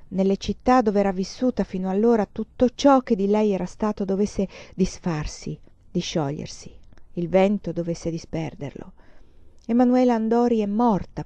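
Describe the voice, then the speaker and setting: A woman reading a literary novel aloud in a measured, expressive way, letting sad phrases sink softly. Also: mid-range voice, dry recording, lo-fi sound. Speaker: audiobook reader. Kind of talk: literary audiobook narration.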